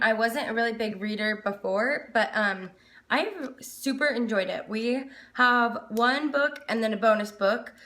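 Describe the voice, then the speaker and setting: A woman's voice: fairly high pitch, fairly bright tone. A woman chatting casually and informally to camera as a book reviewer, rambling a little, recorded in an echoey room. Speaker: book reviewer, video host.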